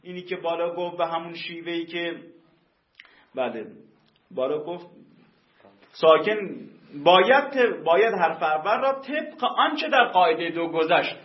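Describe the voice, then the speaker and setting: Male teacher, high voice, muffled lo-fi classroom recording; patient grammar explainer. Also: animated, echoey room. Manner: slow drawn-out spelling of example words.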